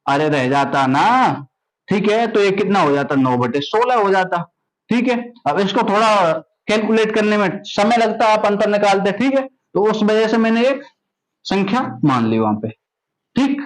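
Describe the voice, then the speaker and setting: A man's voice: sits high, lively intonation, moderate pace, rough recording. A young man teaching a maths lesson, keeps asking questions, then answers them himself.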